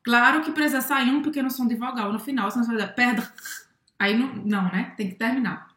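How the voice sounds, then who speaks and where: A woman's voice: a little high, rapid-fire, fairly bright tone, reverberant. A woman from northeastern Brazil teaching a casual French lesson, patiently explaining pronunciation.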